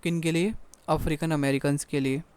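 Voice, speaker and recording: A young man, teaching an exam-prep lesson. He reads English notes slowly, explains in Hindi, and urges his students directly. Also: fairly high pitch, level tone, a little mellow, clear, resonant tone, no room sound. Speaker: tutor.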